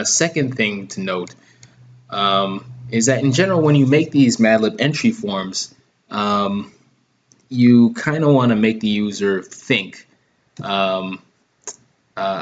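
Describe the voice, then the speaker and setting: A man's voice: lowish voice, slow pace, muffled recording. Hesitant man talking through a tutorial. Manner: hesitant, many ums and restarts. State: has hiccups. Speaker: app owner giving a tutorial. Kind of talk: screen-recorded tutorial.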